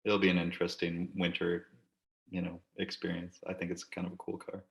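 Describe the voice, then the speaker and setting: A low, gravelly man talks in a flat, even voice, rambling and joking as he co-hosts a casual chat. The room around him rings with echo. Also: fairly quick, a little hiss or hum. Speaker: podcast co-host. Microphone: desk camera.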